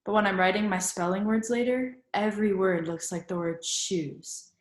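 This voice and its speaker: In a roomy-sounding recording, a woman with a medium pitch and fairly even intonation reads a picture book to children as a teacher would, prompting them with questions to think along.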